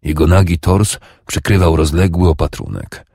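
Deep gravelly man reading a novel. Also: steady tone, moderate pace, darkish tone, dry recording, studio quality. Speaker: narrator. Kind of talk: audiobook narration.

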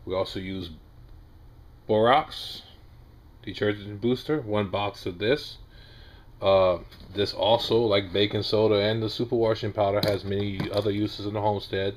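Low flat-voiced Southern man. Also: background noise. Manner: plain-spoken, rambling with restarts and fillers. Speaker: homestead vlogger. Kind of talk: casual how-to video. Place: small wood-paneled room indoors.

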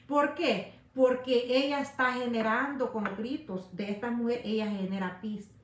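Woman, higher voice, repetitive, direct address, echoey room. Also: steady tone, normal speed, slight background noise. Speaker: YouTube commentator. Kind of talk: casual monologue to viewers. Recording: roomy echo.

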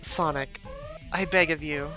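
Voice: mid-range voice, fairly even intonation, unhurried. A streamer giving exasperated gameplay commentary, cursing often and scolding the game character. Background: game music.

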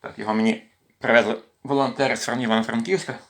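A man from western Ukraine reading poems aloud in an expressive recitation during a home livestream. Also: medium pitch, very fast, gravelly, slight background noise. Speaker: poetry reader in a volunteer series. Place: at home with his cat.

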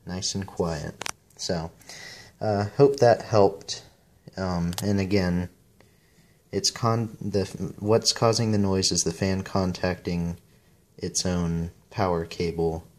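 Casting: low-pitched man, unhurried casual how-to delivery, halting, with whistly sibilant S's. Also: steady tone. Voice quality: whistling S sounds. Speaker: video maker giving a repair tip. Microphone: cell phone, close handheld.

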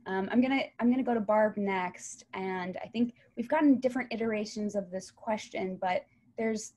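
A woman's voice: medium pitch, a little mellow. A woman in her thirties moderating a webinar from home over a video call, friendly and often restarting her phrases. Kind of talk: moderating a panel. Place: home room. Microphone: laptop webcam on a video call.

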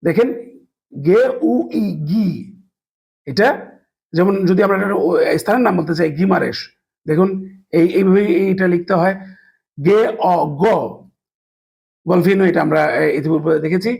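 Guy teaching a language lesson, higher voice, gravelly and a bit husky, spells letters out slow. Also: darkish tone. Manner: slow, spells letters aloud, many hesitations. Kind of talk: explanatory lesson.

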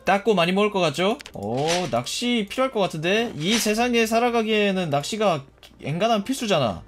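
A man casually commenting on his own gameplay, jokey and animated, swearing and yelping at enemies. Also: sits high, brisk, a little hiss or hum. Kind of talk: casual let's-play commentary.

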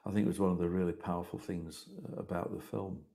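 Man, very low voice, reflective talker who rambles with restarts, on a video call. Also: little pitch movement, fast talker, vocal fry, mellow. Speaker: host, artist. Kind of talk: casual discussion on a video call.

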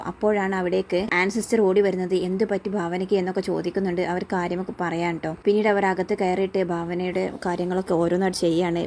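A woman's voice: on the low side, a little mellow, a little hiss or hum. A woman casually narrating a recap of a TV serial in a chatty way, tagging her sentences with a friendly particle.

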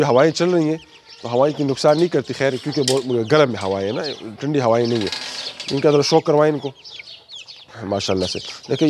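A hoarse man, a poultry breeder chatting casually through a walkthrough and coaxing his birds. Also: mid-range voice. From Pakistan. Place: outdoor yard by chicken cages. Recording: noisy outdoor recording with chickens. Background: clucking chickens.

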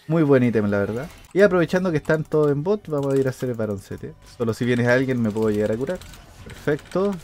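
A man commentating his own gameplay, animated and prone to sudden excited shouts and mouth sound effects. His voice sits at an ordinary pitch, with faint game music underneath. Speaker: gaming streamer.

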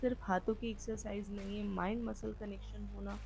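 A fitness vlogger's instructional voice-over features a woman with a medium-pitched, creaky, slightly mellow voice, speaking fairly quickly and flatly over faint background music. She explains exercises and reminds viewers to mind posture and rest.

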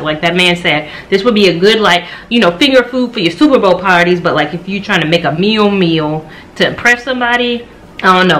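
With slight background noise on her camera mic, this American woman in her thirties speaks in a fairly low, somewhat bright voice. She's indoors at home in her kitchen and dining area, casually reviewing food to camera in an informal, slangy way.

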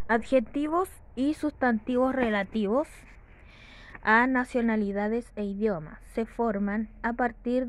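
Slow, careful woman, voice a touch high, reading and translating an English lesson. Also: rough recording. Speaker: English teacher.

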